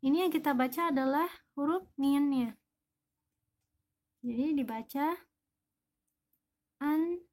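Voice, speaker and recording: A woman's voice: high-pitched, unhurried, long pauses, darkish tone. A woman teaching a language lesson, patiently explaining each example word one by one.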